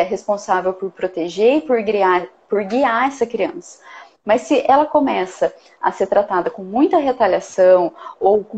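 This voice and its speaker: A woman's voice: medium pitch, a little mellow, dull audio, a little hiss or hum. A woman giving earnest parenting advice in a casual talk, often checking in with "né?". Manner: earnest, explains with many "né?" tags. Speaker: parenting guest expert.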